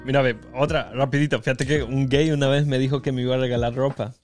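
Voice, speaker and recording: A man's voice: medium pitch, steady tone, fast talker, a little mellow, faint music behind. A young man, co-hosting a casual podcast chat and telling stories that keep restarting and correcting themselves. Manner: rambling, self-correcting storyteller. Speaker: podcast co-host.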